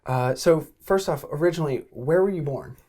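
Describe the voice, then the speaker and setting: A man's voice: a little high, normal speed, a little mellow. A young man hosting an interview, asking questions in a casual, slightly hesitant way, seated in a book-lined study. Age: young adult. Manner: casual, a bit hesitant, with fillers. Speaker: host. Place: study lined with bookshelves, indoors.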